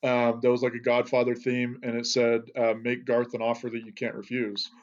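A man's voice: mid-range voice, monotone, moderate pace. A man co-hosting a casual podcast, talkative and telling long anecdotes. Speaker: podcast co-host. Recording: slightly dull audio.

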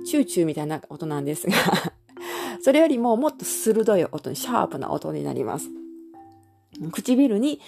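A woman with a fairly low, mellow voice teaches an audio lesson. She explains patiently and step by step, and her pitch swings widely as she talks. Soft music plays faintly behind her. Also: gravelly. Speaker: Chinese language teacher.

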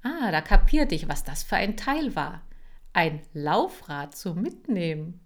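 A woman voicing an excitable, cheerful little male hamster. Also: fairly low pitch, measured pace, full character voice. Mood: gleeful.

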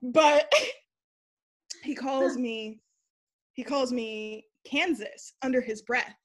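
A woman's voice: a little high, very slow. Blunt young woman telling a story. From United States. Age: young adult. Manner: blunt and animated, swears freely, acts out quoted dialogue. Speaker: interview guest. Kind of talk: candid conversational storytelling.

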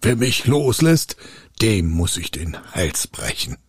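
A man voicing a huge boastful male bottle spirit in a storybook reading, with gravelly, husky threats and whining pleas. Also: lowish voice, wildly swooping pitch, slow pace, dry recording, studio quality, heavily acted.

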